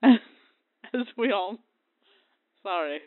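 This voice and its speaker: A woman's voice: medium pitch, expressive, extremely slow, no echo. A woman voicing a jolly, crude old Santa Claus who rambles cheerfully and obliviously, calling in by phone to a comedy podcast. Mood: jolly, rambling. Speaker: comedy guest. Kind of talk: improvised comedy podcast bit. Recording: tinny phone line, dry.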